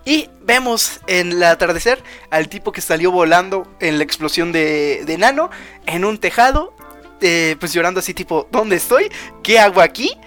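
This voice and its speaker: A man's voice: sits high, lively intonation, moderate pace, fairly bright tone, soft background music. A man, co-hosting a podcast and loosely retelling an anime episode, full of fillers and "que no sé qué". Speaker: podcast co-host. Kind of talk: casual chat recapping an anime episode.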